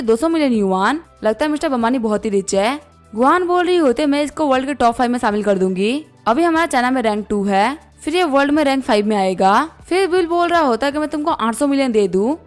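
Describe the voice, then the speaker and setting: A woman narrating a story recap, reading every character's lines in her plain voice. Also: sits high. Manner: reads all dialogue in her plain voice. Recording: faint background music.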